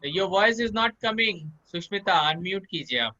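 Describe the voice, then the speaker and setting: A man teaches a live online English class, repeating each word slowly and calling on students one by one to say it back. His voice is bright and forward, and it comes through dull, lo-fi call audio. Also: high-pitched, expressive. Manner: drills pronunciation by slow repetition, calls on students by name. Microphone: video call.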